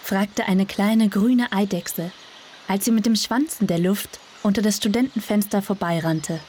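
A woman reading a fairy tale aloud in a calm, measured way. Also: medium pitch, slight background noise. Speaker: storyteller.

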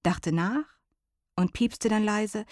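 A woman narrating a children's storybook in a gentle, expressive reading. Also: medium pitch, slow pace, dry recording, clean studio sound.

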